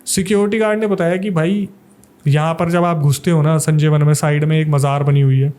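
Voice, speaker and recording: A man's voice: a little high, fairly even intonation, a little fast, darkish tone. A young man from Delhi, a paranormal investigator, telling a suspenseful ghost story in a casual podcast interview.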